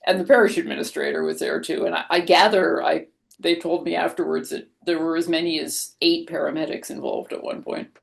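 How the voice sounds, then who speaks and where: Creaky-voiced woman priest, candid and wry. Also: deep voice, fairly even intonation, fairly quick. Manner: candid, self-deprecating storytelling with laughter. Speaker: Anglican priest. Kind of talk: webinar conversation. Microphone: video call.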